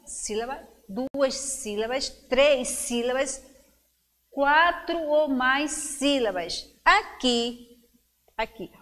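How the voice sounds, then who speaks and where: This schoolteacher's voice sits high with a fairly bright tone. She teaches a class of young children, offering encouragement and pronouncing words slowly, syllable by syllable.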